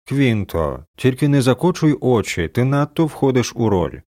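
A man voicing a sharp-tongued young woman, a space agent on vacation, curt and sarcastic. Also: medium pitch, very animated, moderate pace, dry recording, studio quality, natural voice. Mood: irritated.

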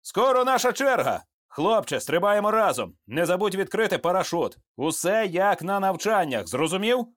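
A man's voice: high-pitched, big pitch swings, normal speed, hardly any pauses, fairly bright tone, pitched above the performer's own voice. A man playing a bantering veteran sergeant. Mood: encouraging. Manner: bantering, coarse humor, giving orders. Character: joking, seasoned male sergeant, fatherly and blunt.

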